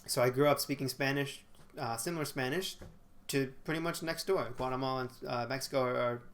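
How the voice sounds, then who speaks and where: A young man in his twenties talks to a webcam in a small bedroom, his mid-range voice steady, brisk and a bit bright. The vlogger's casual talking-head monologue is full of fillers and self-corrections.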